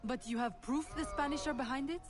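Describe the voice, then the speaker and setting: A woman voicing a calm, determined young heroine in a video game, speaking formally. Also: sits high, brisk, close to an everyday voice. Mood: firm. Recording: game audio with music behind.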